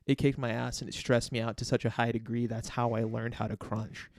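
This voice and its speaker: A man's voice: medium pitch, level tone, brisk, no echo, studio quality. A man co-hosting a casual podcast, explaining himself earnestly and carefully, with many fillers and restarts. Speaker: podcast co-host.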